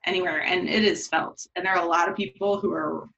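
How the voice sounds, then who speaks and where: A woman's voice: lowish voice, fairly even intonation, fairly quick, gravelly, fairly bright tone. A woman hosting a casual, heartfelt chat, talking candidly, swearing freely and saying "like" a lot. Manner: candid and profane, says "like" often. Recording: slightly dull lo-fi sound.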